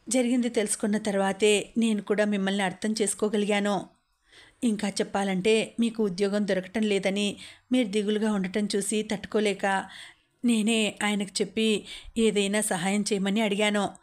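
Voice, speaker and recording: Woman reading as a gentle, soothing young wife. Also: medium pitch, little pitch movement, normal speed, natural voice. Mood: pleading. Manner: soothing, pleading.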